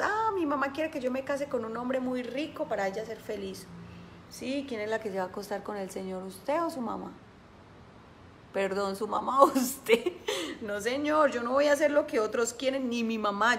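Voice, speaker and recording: A woman's voice: medium pitch, slight background noise. A middle-aged Colombian woman giving an earnest spiritual talk, acting out little voices and prayers as she preaches. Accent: Colombian Spanish. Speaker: inner healing speaker.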